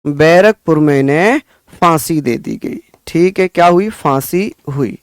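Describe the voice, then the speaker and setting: A man teaching a history lesson, repeating key facts slowly for his students to memorize. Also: fairly high pitch, clear, resonant tone, no echo. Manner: scolding but caring pep talk. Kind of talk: exam-prep history lesson.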